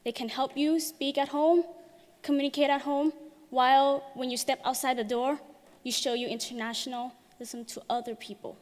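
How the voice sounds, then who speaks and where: High-voiced teenage girl speaking in a hall. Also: little pitch movement, moderate pace. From Thailand. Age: teens. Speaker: youth speaker. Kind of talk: prepared talk on stage. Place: large hall.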